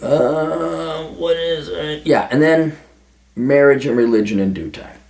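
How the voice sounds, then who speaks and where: Speaking slowly in a fairly high, gravelly voice with a darkish tone, a man offers a listener blunt, crude advice and swears without restraint. He's a vlogger answering a letter in a profane monologue, and the space sounds echoey.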